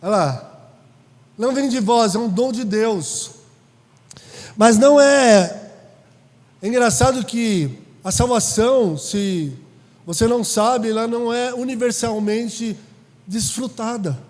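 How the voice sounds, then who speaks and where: A pastor preaching a sermon in a conversational way, asking the congregation questions. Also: male voice, very high voice, slow, pauses often, a little mellow. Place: church hall. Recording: reverberant church hall.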